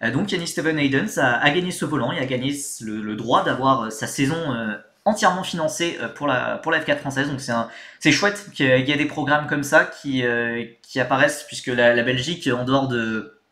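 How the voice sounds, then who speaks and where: A man's voice: mid-range voice, a little fast, bright, forceful tone. Rambling male streamer in an echoey room. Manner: rambling, many fillers, thanks viewers mid-sentence. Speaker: motorsport streamer. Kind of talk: casual live-stream chat.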